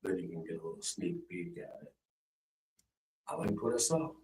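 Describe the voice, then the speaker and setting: A man's voice: deep voice, very animated, moderate pace, darkish tone. A man chatting casually as a livestream host, his voice echoing as if under a bridge inside a hollow dome. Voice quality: slightly froggy throat. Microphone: phone. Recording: echoey dome, distant mic, faint noise.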